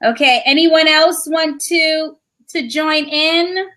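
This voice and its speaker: A woman with a high, bright voice co-hosts a casual live video chat over a call. She talks in quick bursts with plenty of restarts and keeps things moving around connection trouble. She is from New York. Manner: chatty, restarts often, coping with connection trouble.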